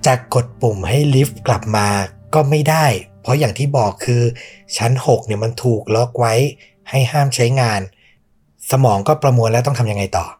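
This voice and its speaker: A man's voice: medium pitch, a little fast, darkish tone, husky, faint music behind. A man hosting a podcast, telling a true ghost story in a suspenseful, conversational way. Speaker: podcast host.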